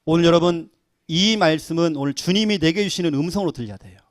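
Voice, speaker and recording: A middle-aged man, a pastor, preaching a sermon and telling stories with lively acted-out quotes. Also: fairly high pitch, quick pace, dry recording, studio quality. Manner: animated storytelling, acting out quoted voices.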